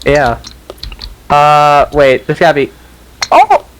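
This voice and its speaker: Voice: mid-range voice, huge pitch swings, slow, slight background noise, rough recording. A player chatting casually with friends during a game. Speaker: player in a group gaming video. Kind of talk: casual gaming chat.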